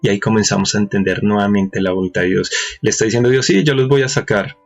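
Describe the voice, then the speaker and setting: A man with a lowish, gravelly voice talks fast as he preaches a sermon, reading verses aloud and putting rhetorical questions to his listeners. The recording is dull and lo-fi, with faint music.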